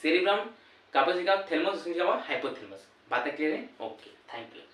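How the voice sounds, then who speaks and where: Male teacher in a classroom, call-and-response quizzing; slightly high voice, roomy and distant recording. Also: big pitch swings, brisk, fairly bright tone. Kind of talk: classroom lesson. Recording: echoey room, voice from far off.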